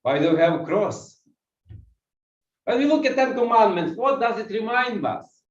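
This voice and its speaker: This sermon comes from a Ukrainian-accented guest pastor from Ukraine who walks around the church hall and puts questions to the congregation. He has a high voice with lively intonation at a moderate pace, and the recording sounds dull and echoey, taken from a distance.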